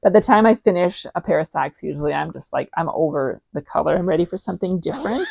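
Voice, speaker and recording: A woman's voice: sits low, fast, vocal fry, a little mellow, no room sound. A woman in her forties hosting a knitting podcast, chatting casually with frequent ums and restarts. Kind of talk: casual show-and-tell chat.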